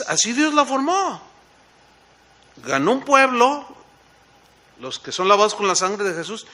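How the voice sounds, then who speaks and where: A Mexican man preaching a sermon in a high, piercingly bright voice. He tells stories with animation and keeps asking the congregation questions. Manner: animated storytelling with rhetorical questions. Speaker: pastor.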